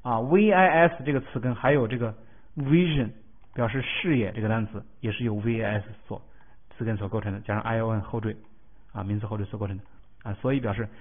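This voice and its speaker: A man's voice: mid-range voice, a little fast. A male English vocabulary teacher in a recorded lesson. He explains word roots step by step, spells out letters and often asks a checking question. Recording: tinny phone-like lo-fi sound.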